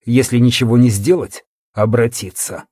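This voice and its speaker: A man voicing a tired, grave older healer who speaks slowly and calmly. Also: no echo, studio quality, natural voice. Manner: slow, low, tired murmur. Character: weary older male healer, calm and grave.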